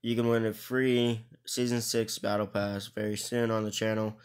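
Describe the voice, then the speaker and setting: A man's voice: on the low side, monotone, moderate pace, clear, resonant tone. A young man with an Irish accent chatting casually over his mobile game footage, rambling and often restarting his words. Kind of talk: casual gaming commentary.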